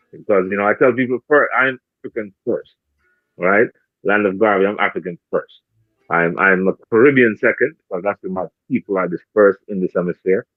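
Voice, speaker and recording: A man with a very deep voice hosts a community radio show, pressing his points with "not true?" questions. His voice comes through a dry, narrow, phone-like line. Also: dry recording. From Jamaica. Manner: warm, rhetorical, repeats tag questions. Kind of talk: casual radio talk.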